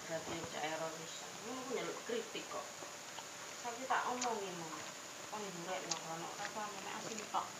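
A woman's voice: lowish voice, brisk. Mukbang vlogger: woman, mouth full, talking while chewing, heard from a distance. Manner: chatty, remarks on the food. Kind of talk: casual chat while eating. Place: small eatery. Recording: roomy, distant, loud background noise.

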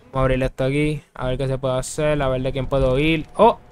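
A man commentating his own horror gameplay for his channel, talking straight to his viewers. He is excitable and quick to break into yelps and shouts. He is recorded close on a desk microphone. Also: mid-range voice. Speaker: gaming channel host. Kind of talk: Let's Play commentary.

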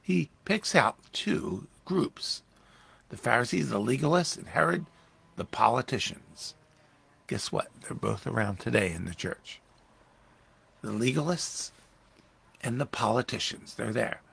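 A man pastor teaching a Bible study in a conversational, animated way, raising his voice when acting out quoted lines. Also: medium pitch, measured pace, vocal fry, pauses often, slightly rough.

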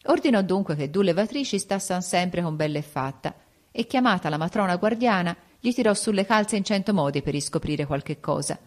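A woman reading an old folk tale aloud as an audiobook narrator, in a steady storytelling manner. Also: low voice.

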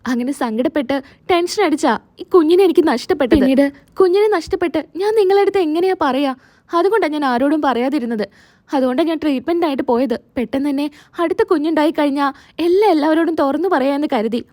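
A woman's voice: high voice, fast, darkish tone, no echo, natural voice. A woman voicing a young wife who pleads earnestly as she explains herself. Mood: pleading. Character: young wife defending her secret pregnancy.

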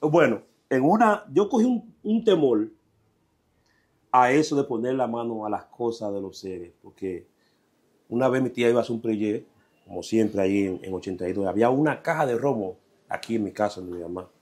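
A man's voice: medium pitch, expressive, normal speed, a little mellow, breathy edge. Dominican man telling his story. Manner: rambling, slangy storytelling. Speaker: guest. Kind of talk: casual life-story interview.

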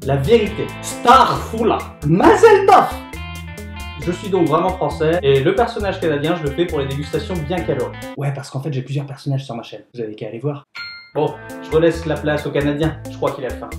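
A man from France in a casual aside to viewers, talking in a low-key, quiet, quick confiding way. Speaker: YouTuber. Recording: echoey room, faint background music.

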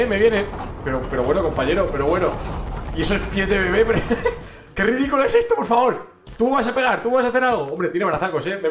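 A man with a Spain Spanish accent giving loud, laughing, swearing gameplay commentary for a video. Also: sits high. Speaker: gaming video creator. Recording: echoey room with music behind.

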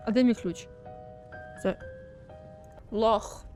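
Woman playing a game, high voice, sarcastic, swears a lot, mocking commentary. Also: darkish tone. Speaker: gaming streamer. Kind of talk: let's play commentary.

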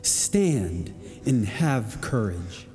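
An actor playing a calm, solemn angel on stage, speaking in a measured, reassuring way. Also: male voice, fairly low pitch, heavily acted. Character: calm, solemn male angel sent by God. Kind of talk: projected stage drama acting. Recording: long hall-like reverb. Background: music.

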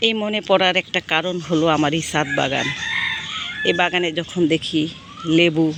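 A hoarse woman with a cold, hosting a gardening vlog and gently telling nostalgic childhood stories from her rooftop garden outdoors. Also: low-pitched, moderate pace, noisy background. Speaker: gardening channel host. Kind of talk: casual reminiscing vlog.

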